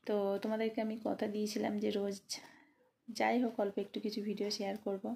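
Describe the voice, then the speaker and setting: Sleepy woman talking softly, gravelly voice. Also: medium pitch, monotone, quick pace. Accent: Bengali. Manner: speaking softly and quietly so as not to wake the household. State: sleepy and tired. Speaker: vlogger. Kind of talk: late-night casual vlog chat. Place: bedroom at night.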